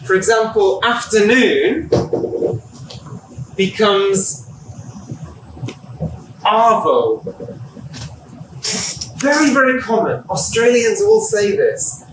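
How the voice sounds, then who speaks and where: A middle-aged man giving a relaxed university lecture, explaining with examples and laughing at himself. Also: high voice, drawn-out words, pauses often, slight background noise. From England. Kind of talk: classroom lecture. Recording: echoey room, distant mic.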